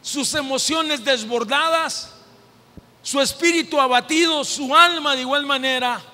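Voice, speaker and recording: Mexican male pastor, deliberate unhurried sermon delivery that climbs into shouting, echoing through a church hall. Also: extremely high pitch. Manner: impassioned preaching, rising to shouted repetition. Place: church sanctuary. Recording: long hall reverb in a church.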